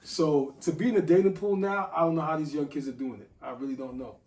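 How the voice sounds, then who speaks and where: A man in a casual podcast chat, blunt and emphatic, quick to agree. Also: fairly high pitch, fairly even intonation, darkish tone, recorded from a distance. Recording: roomy sound from off mic.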